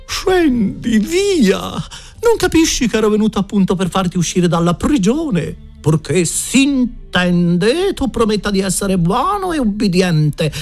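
A man's voice: high-pitched, big pitch swings, unhurried, darkish tone, soft background music, pitched above the performer's own voice, heavily acted. A man voicing a pompous, theatrical woman who runs a boarding school, declaiming her words imperiously. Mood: dramatic, imperious.

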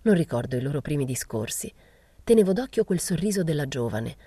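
Low, dark-voiced woman reading a novel. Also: very animated, brisk, husky, no echo. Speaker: reader.

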